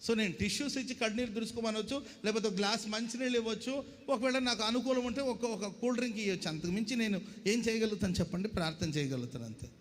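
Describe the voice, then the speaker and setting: A man's voice: high voice, big-room sound. A male pastor preaching a sermon, calling on the congregation to answer and acting out the people he quotes. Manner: preaching, calls for congregation responses, acts out quoted voices.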